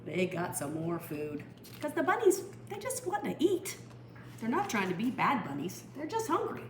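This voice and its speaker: This storytime reader is a woman whose voice sits in the mid range. She reads a children's picture book with expression, stopping now and then like a teacher to explain things and define words, in an echoey room with a little faint noise.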